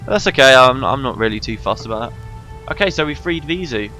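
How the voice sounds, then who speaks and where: A male let's player gives informal gameplay commentary in a medium-pitched voice. He talks casually, with game music behind him. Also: lively intonation, brisk, bright, forceful tone.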